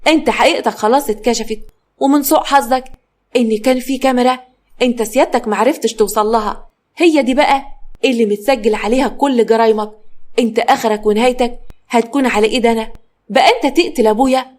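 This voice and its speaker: A woman's voice: on the high side, fast, darkish tone, lightly acted. A woman voicing a harsh vengeful man. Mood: furious. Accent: Egyptian. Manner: harsh, accusing. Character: vengeful man avenging his father.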